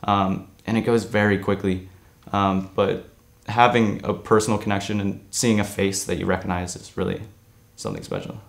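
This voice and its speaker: A seventeen-year-old young man speaks in a studio interview, his voice sitting low. He answers earnestly and reflectively, often pausing with "um" as he gathers his thoughts. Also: expressive, gravelly. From born in Korea, raised in New Jersey. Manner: earnest, many "um" pauses. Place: studio against grey backdrop.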